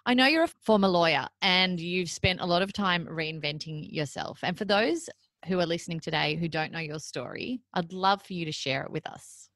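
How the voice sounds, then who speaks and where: A woman's voice: fairly low pitch, animated, moderate pace, fairly bright tone, no room sound. A woman hosting a podcast interview, affirming and reflective as she asks questions. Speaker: podcast host.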